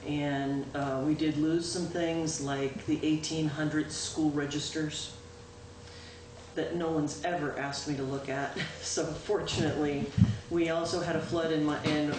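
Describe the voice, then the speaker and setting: A loud, low-pitched woman serving as town clerk talks through an informal report for the town board, keeping a steady tone while pausing with "um" and fixing her own slips. The meeting-room audio comes from a distant microphone, making the local-access recording echoey, distant, and noisy.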